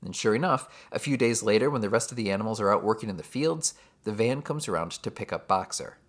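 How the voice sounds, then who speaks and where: A man with a fairly low voice reads a prepared literature summary like a teacher. His delivery is steady, and he drops wry, sarcastic asides along the way. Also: quick pace. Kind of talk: scripted book summary narration.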